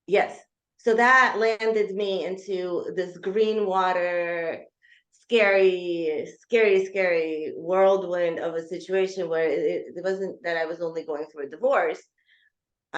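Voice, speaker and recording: A woman with a lowish voice tells her own story in an interview, earnest and full of ums. The audio is dull and lo-fi with a roomy echo around her. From Georgia (former Soviet Union). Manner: earnest, frequent ums, speeds up and slows down. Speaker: guest author. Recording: echoey, dull lo-fi remote audio.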